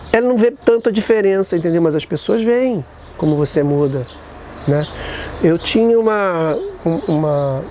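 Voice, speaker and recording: A man reflecting aloud in a casual, animated way, with many restarts and tag questions. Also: sits high, slight background noise. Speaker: vlogger sharing recovery reflections.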